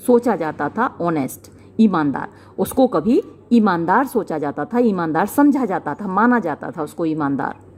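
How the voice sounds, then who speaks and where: Slow, mellow-voiced woman teacher. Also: on the low side. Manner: reads English lines slowly, then glosses each word in Hindi. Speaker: literature teacher. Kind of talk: line-by-line lesson explanation.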